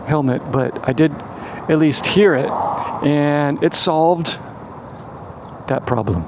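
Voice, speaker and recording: A man's voice: a little high, slow pace. A man chatting casually and thinking aloud as he rides a scooter outdoors, with wind and road noise on the mic. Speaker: motorcycle vlogger riding a scooter. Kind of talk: casual vlog chat while riding. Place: outdoors on a moving scooter, in traffic. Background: wind, engine and traffic noise.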